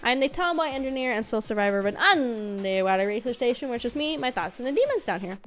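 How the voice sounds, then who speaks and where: A woman's voice: fairly high pitch, lively intonation, quick pace, soft background music. A woman game streamer chatting casually and playfully, with a cute, bubbly anime-streamer delivery. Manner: playful, chatty, repeats words. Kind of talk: casual livestream chat.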